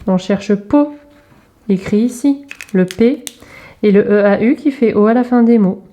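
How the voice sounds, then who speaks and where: A woman teacher, talking young pupils through an exercise in a remote lesson video, spelling out sounds and letters slowly and carefully. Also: mid-range voice, warm tone. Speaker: primary school teacher.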